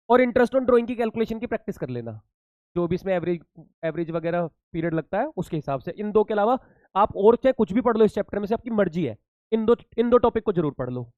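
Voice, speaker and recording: A man's voice: high-pitched, darkish tone, no echo. A male commerce teacher talks students through exam tips in an easy, chatty way. He keeps reassuring them and calls them beta. The sound is dry and a little dull. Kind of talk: casual exam-tips lesson.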